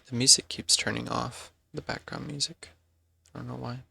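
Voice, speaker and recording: A man's voice: mid-range voice, fairly even intonation, normal speed, creaky, bright, forceful tone, slightly rough, no echo. A man streaming a game and chatting casually, rambling and correcting himself as he goes. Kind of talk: casual live-stream chat.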